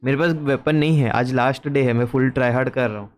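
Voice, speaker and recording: A man's voice: medium pitch, quick pace, smooth, soft background music. A young man with an Indian accent streaming a game, chatting casually in a mix of Hindi and English and restarting his sentences a lot. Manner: mixes Hindi and English, rambling, restarts often. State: struggling to speak smoothly. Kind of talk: casual live-stream chat. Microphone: headset taken off.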